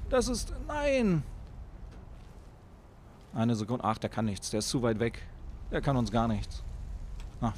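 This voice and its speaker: Excitable German gamer with a jumpy voice. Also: male voice, mid-range voice, a little hiss or hum. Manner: excitable, talks to enemies on screen. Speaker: let's play host. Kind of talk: casual gameplay commentary.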